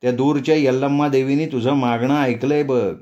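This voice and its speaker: A man's voice: medium pitch, steady tone, moderate pace, mellow, dull audio, lightly acted. A man voicing an impatient young village girl in a storybook reading, urging and exasperated. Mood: coaxing.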